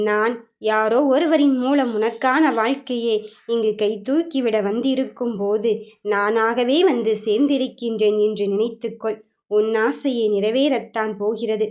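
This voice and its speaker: A loving divine father, Murugan in a devotional message, tender and reassuring, spoken by a woman. The voice sits a little high. The delivery is emphatic yet gentle, full of comfort. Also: natural voice. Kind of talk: devotional first-person message.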